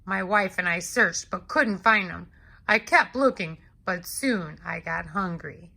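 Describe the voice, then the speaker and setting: In an expressive children's storybook read-aloud, a woman uses a lowish, gravelly, sharp and exaggerated voice to play a big, hungry male giant. Rueful and dramatic, he tells his side of the tale in an indignant, exclamatory, deliberate storytelling manner.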